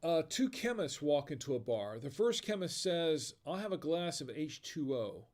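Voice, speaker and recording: A man's voice: a little high, big pitch swings, moderate pace, a little mellow. American man laughing at his own dad jokes. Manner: reads chat comments aloud. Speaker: livestream host. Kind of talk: casual live-stream chat.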